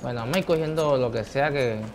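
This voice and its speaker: Male gamer, mid-pitched, casual running commentary over loud gunfire. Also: fast talker, noisy background. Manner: chatty, thinks aloud, shouts when surprised. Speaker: gameplay streamer. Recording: game gunfire behind voice.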